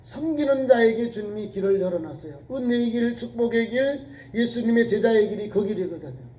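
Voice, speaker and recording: A man's voice: very high-pitched, animated, fairly quick, mellow, low-quality recording. A middle-aged male pastor preaching a sermon in an earnest, exhorting way, often repeating key words for emphasis.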